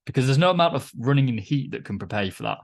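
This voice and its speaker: A man's voice: mid-range voice, animated, racing, vocal fry. A man who coaches, hosting a podcast interview and asking long conversational questions. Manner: conversational, swears casually, asks long questions. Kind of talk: casual interview.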